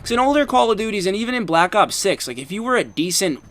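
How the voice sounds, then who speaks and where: A man's voice: high voice, sing-song, fast talker, fairly bright tone. A young man giving casual, rambling commentary over gameplay, swearing often and filling gaps with ums and likes. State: has the hiccups. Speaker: gaming YouTuber.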